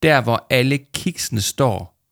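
A man's voice: mid-range voice, expressive, vocal fry, no echo, clean studio sound, pitched above the performer's own voice. A man voicing a worried, earnest woman at a school in a storybook reading. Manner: fretful, earnest. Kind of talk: storybook character voice.

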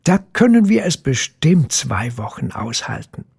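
A man voicing a flirty, relaxed woman guest with a teasing, husky voice. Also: medium pitch, unhurried, heavily acted. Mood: breezy.

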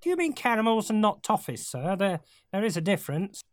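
A man's voice: high-pitched, sing-song, a little fast, no room sound, studio quality. An actor playing a naive, timid young man at his first secret-society meeting in a comedy audio sketch, polite and stammering. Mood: timid eager. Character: eager, naive young man, new society member, candy-obsessed.

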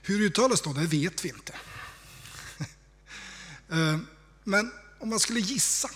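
Male preacher, slightly higher voice, husky, conversational sermon delivery. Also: lively intonation. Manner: conversational, reflective, dropping to hushed tones for emphasis.

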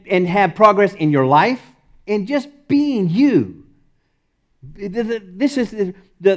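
With a high voice and a Texan accent, a man preaches as pastor, stressing his points over and over. Short bursts of laughter punctuate a delivery that rises loud and drops soft.

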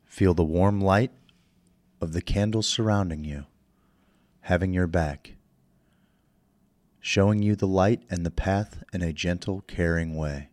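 A man with a very low voice guides a meditation, unhurried and soothing. His words come slowly, with calm pauses between instructions. The sound is close and dry, with no room around it. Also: dry recording.

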